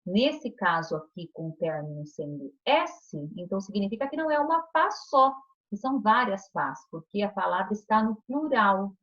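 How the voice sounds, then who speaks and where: A woman's voice: mid-range voice, sing-song, normal speed, few pauses, fairly bright tone. A woman teaching a recorded online class to young children, patient and coaxing, checking in often with short questions. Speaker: primary school teacher. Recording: dull lo-fi recording.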